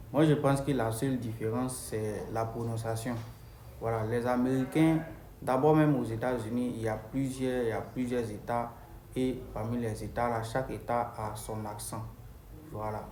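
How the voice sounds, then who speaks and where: A man's voice: medium pitch, darkish tone, a little hiss or hum. A man giving a casual video lesson on English pronunciation, talking straight to his viewers and repeating his key points. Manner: repeats key phrases, addresses viewers directly. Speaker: English teacher. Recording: roomy with faint ambience.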